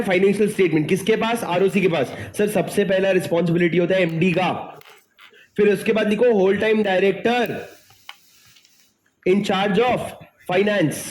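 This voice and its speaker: A man's voice: high voice, darkish tone, a little hiss or hum. A male teacher giving an exam-prep lecture, mixing Hindi and English, who keeps quizzing his students and then answering himself.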